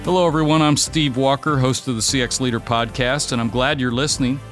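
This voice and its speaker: A podcast host in his fifties reads a polished, scripted intro, then chats with his guest in a friendly, polished manner. His medium-pitched, slightly bright voice moves a little fast with fairly even intonation, and faint music plays behind.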